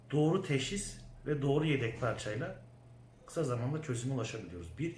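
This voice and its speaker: A man who co-owns a car service answers interview questions in a measured, businesslike way. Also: mid-range voice, darkish tone, a little hiss or hum. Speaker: service co-owner and accountant. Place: car repair workshop. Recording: echoey workshop room.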